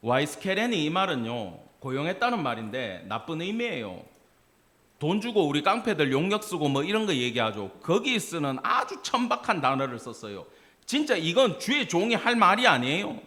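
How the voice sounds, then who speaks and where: A male pastor from the Gyeongsang region with a Gyeongsang accent, preaching a sermon in an animated way and acting out dialect and quoted voices. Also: on the high side, moderate pace. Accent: Gyeongsang Korean. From Gyeongsang region of Korea.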